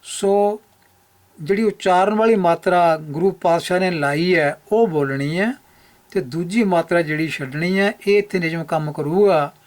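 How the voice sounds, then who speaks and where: A man gives a teaching lecture about pronunciation, laying out each rule step by step. He talks methodically, restating the key points to drive them home. His voice sits a little high for a man. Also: unhurried. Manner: methodical, repeats key rules for emphasis. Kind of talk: explanatory lecture over slides.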